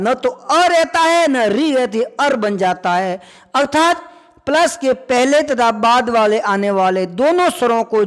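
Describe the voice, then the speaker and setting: A male teacher giving a classroom grammar lesson, repeating key points and firing quick questions at his students. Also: very high voice, long reverb tail.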